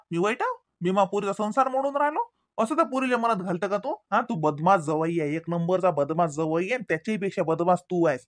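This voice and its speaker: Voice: medium pitch, no echo, clean studio sound, natural voice. A performer voicing a defensive village man in a cartoon comedy, speaking with a Vidarbha Marathi accent and often stammering.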